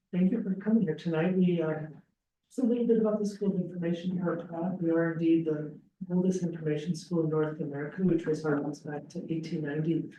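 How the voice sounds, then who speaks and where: A man, a school dean, giving a relaxed information session to prospective students, with frequent ums and restarts, heard through a laptop webcam on a video call. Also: fairly high pitch, a little hiss or hum. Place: classroom with audience, also streamed on a video call. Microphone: laptop webcam some distance away. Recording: roomy, distant webcam audio.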